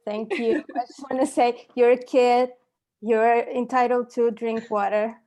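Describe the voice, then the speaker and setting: Halting, emotional woman on a video call. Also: on the high side, steady tone, mellow. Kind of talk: casual toast.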